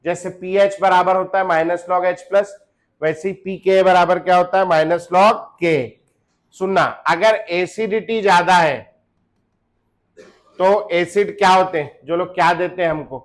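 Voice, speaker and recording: A man's voice: high voice, fairly even intonation, a little slow. A man teaching chemistry to a class. He keeps asking the students questions and answers them himself, jokes with them and slips in English phrases. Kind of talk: classroom lecture.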